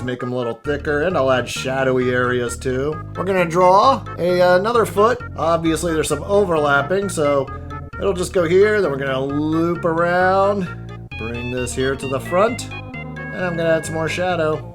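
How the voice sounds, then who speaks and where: A man with a slightly high voice hosts a casual step-by-step drawing tutorial at a moderate pace. He thinks aloud in a chatty, jokey way as the instructor, with background music playing.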